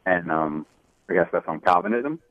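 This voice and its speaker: A man's voice: sits low, animated, normal speed, no room sound. A man from Florida calling in to a radio show over a phone line, hesitant with many ums and restarts. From Florida, USA. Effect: radio show caller over a phone line. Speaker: caller to a radio call-in show. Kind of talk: call-in question to a Bible teacher. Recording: tinny phone line, dry.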